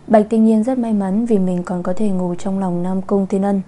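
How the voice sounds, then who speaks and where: Woman narrator for a romance audiobook, calm and even, warm mellow tone. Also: medium pitch, normal speed. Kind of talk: scripted narration of a romance novel.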